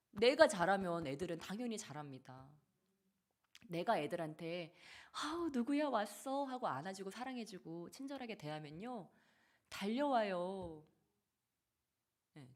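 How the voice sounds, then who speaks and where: A woman pastor, likely in her thirties, preaching a sermon in a church, acting out quotes and dropping into soft asides. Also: on the low side, animated, unhurried. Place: church sanctuary.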